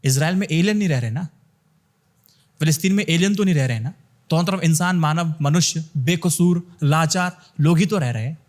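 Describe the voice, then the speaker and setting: A man's voice: a little high, a little fast. A young man giving opinionated news commentary, talking straight to his viewers and firing rhetorical questions at them.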